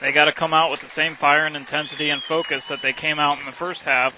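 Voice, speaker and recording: An American man giving unscripted football analysis as color commentator, halting with many fillers. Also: a little high, flat delivery. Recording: dull broadcast with clear outdoor noise.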